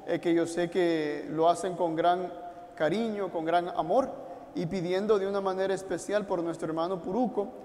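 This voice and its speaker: Priest with a high voice in a reverberant church. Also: male voice. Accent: Puerto Rican Spanish. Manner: warm pastoral, direct appeals to listeners at home. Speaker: priest leading mass. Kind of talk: liturgical address to an online congregation. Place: church altar.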